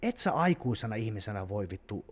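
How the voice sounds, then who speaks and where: A man's voice: fairly low pitch, husky. A man hosting a podcast, chatting casually and swearing heavily as he talks. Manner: heavy swearing, animated. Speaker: podcast host, bodybuilding coach.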